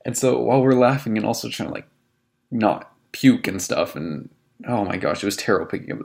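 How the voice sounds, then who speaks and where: A young man in his twenties with a low, gravelly voice tells a story from his dorm room. He is casual and animated, and he keeps slipping into amused quoted lines. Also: brisk. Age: 20s. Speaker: vlogger.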